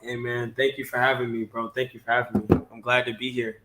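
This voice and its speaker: A talent manager from the Maryland and DC area of the United States talks casually as an interview guest, sprinkling in "you know" constantly. His medium-pitched voice barely moves, coming fast, pushed and bright, over poor audio with a little hiss or hum.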